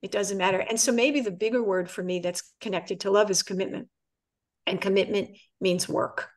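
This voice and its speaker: A mature woman talks earnestly on a podcast panel, her voice sitting in an ordinary middle pitch. She is reflective and measured, and she dwells on what lasting commitment means. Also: steady tone. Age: older. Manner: earnest, reflective, quotes lyrics with feeling. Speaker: guest.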